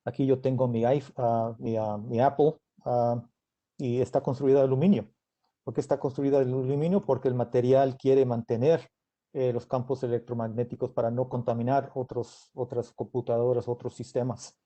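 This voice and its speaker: A middle-aged Mexican-American man, a native English speaker with an American accent, answering as a guest engineer at a technical talk, haltingly searching for words in Spanish. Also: medium pitch, little pitch movement, dark tone, lo-fi sound.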